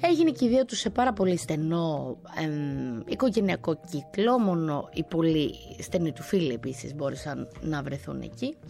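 A woman radio host talking casually in a conversational way, pausing on fillers and restarting words as she goes. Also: deep voice, very animated, gravelly, a little mellow. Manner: conversational, with frequent hesitations and restarts. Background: faint music.

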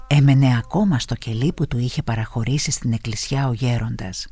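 A narrator reading a story in an expressive storytelling way. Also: mid-range voice, husky. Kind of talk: scripted narration.

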